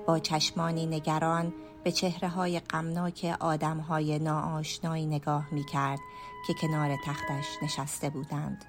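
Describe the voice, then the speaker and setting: A woman storyteller narrating a first-person radio story in a hushed, measured way, sometimes dropping to a whisper. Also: low-pitched, flat delivery, faint music behind. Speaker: storyteller and writer.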